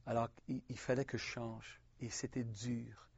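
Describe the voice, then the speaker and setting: A man from Quebec with a Québécois French accent, preaching a personal testimony in an earnest, halting way with frequent restarts. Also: mid-range voice, flat delivery, a little mellow, slightly rough, no room sound, dull audio.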